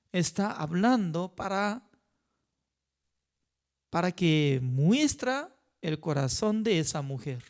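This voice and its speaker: A male pastor teaches a Bible study at an unhurried, deliberate pace. He speaks in halting, simple sentences, often pausing to check in with his listeners. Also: a little high, a little mellow. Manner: halting, with frequent rhetorical "¿no?" asides; non-native phrasing with simple grammar.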